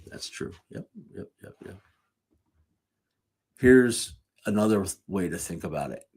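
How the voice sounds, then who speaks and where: Low husky guy giving a chatty sermon, fixes his words on the fly. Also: animated, a little slow, a little mellow. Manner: off-the-cuff, corrects himself mid-sentence. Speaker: speaker at a live church series. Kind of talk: conversational sermon with jokey asides.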